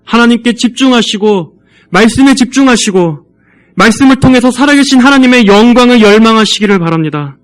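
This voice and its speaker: High-voiced pastor preaching earnestly. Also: male voice, lively intonation. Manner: earnest, exhorting, measured delivery. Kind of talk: sermon. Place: church.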